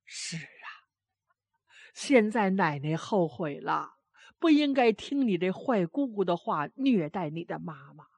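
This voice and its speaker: A woman's voice: fairly low pitch, big pitch swings, a little slow, a little mellow, no room sound, exaggerated voice. A woman voicing a grieving old grandmother who scolds, then pleads with remorse. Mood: remorseful.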